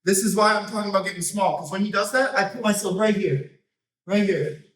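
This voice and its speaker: Man, high-pitched voice, casual coaching demo, short choppy phrasing, frequent check-in tags, roomy echo. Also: brisk, fairly bright tone. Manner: informal, choppy phrases with repeated tag "right?". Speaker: jiu-jitsu coach. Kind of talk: hands-on technique demonstration, casual explaining. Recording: roomy echo, distant microphone.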